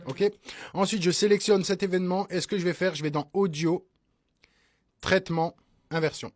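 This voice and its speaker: In a casual screen-recorded music production tutorial, a man chats with his viewers, calling them "les gars" and checking in every few phrases with "hein" and "d'accord?". His voice is high-pitched with fairly even intonation and a moderate pace. The recording is dry and studio quality.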